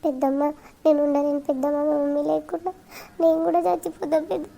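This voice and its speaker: A tearful young cartoon girl, voiced by a woman with a Telangana accent. Her voice is high, flat and dark. She pleads through her tears. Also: fast, creaky. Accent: Telangana Telugu.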